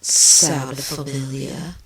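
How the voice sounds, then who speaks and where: A woman voicing a scheming changeling queen villain, speaking deliberately and with emphasis in a fan fiction drama. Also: extremely low pitch, fairly even intonation, a bit bright, full character voice. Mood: smug. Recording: distant mic with clear background noise.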